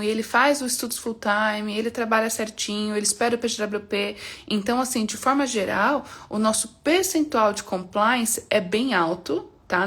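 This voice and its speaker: A woman working as an immigration consultant, answering viewers' questions on a live stream in a calm, explanatory way, often ending phrases with checking tags. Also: mid-range voice, breathy edge. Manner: explanatory, reassuring, frequent "né?" and "tá?" tags.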